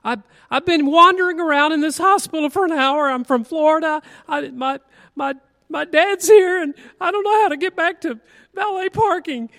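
A man's voice: extremely high pitch, moderate pace, creaky, sharp tone, pitched above the performer's own voice, full character voice. A man voicing a distressed lost woman close to tears, pleading and stammering, recorded in a reverberant hall.

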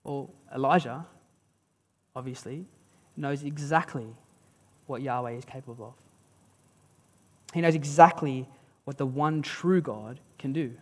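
A preacher delivering a sermon, retelling a story with dramatic pauses in a casual, conversational way. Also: medium pitch, a little mellow. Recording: long reverb of a large hall.

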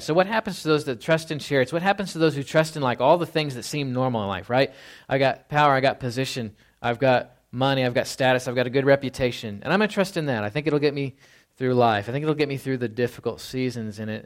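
A man preaching a conversational sermon, often checking in with his listeners by asking "right?". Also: medium pitch. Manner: conversational, often asking "right?" and voicing Bible figures in quotes. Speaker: pastor.

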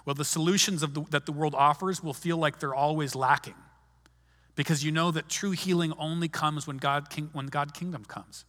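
A man's fairly high, steady, slightly bright voice delivers a sermon at a moderate pace. The pastor talks conversationally, often beginning sentences again, with long reverb from the large hall where it was recorded.

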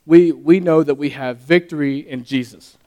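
A young man preaching, earnest and a little nervous, who restarts his phrases as he goes. His voice is fairly high and smooth, and it rings out with the long reverb of a church hall. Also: warm tone. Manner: earnest, halting, stumbles and restarts. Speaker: lay preacher. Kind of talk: sermon.

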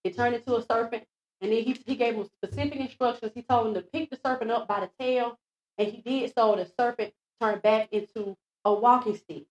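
Lively woman preaching in an echoey church. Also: a little high, brisk. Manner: lively, repeats phrases, acts out quotes, laughs at herself. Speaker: church speaker before the pastor. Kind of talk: animated sermon retelling Bible stories. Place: church sanctuary.

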